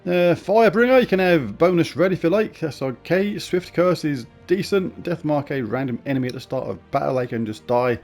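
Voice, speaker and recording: A man's voice: a little high, animated, brisk, vocal fry, few pauses, a little mellow, soft background music. A man giving a casual, chatty preview of a game's weekly events with blunt, informal opinions. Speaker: gaming YouTuber. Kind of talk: casual game preview commentary.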